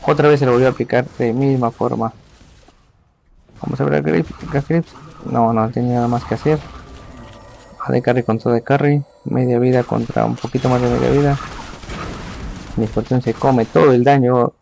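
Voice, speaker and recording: A man calling a live esports match from home, giving hurried play-by-play and talking to his viewers. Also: medium pitch, steady tone, gravelly, a little mellow, a little hiss or hum. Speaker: esports caster. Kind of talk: live game commentary.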